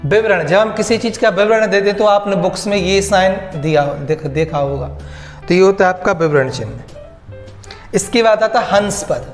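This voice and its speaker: A man's voice: high-pitched, moderate pace. A man teaching a grammar lesson to students, repeating key words back as questions. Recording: echoey room with faint music.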